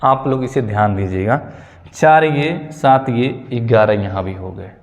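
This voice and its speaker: A male teacher giving a slow, repetitive grammar lesson for exam prep, checking in with his students often. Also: mid-range voice, in a large hall. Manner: explains slowly, repeats key points and asks "ठीक है".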